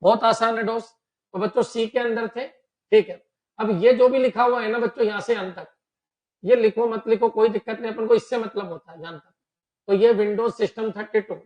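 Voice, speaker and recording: A man with a Rajasthani accent teaching a class in a high voice. He goes through each step patiently and keeps asking his students whether it is clear. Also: lo-fi sound. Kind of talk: classroom lecture.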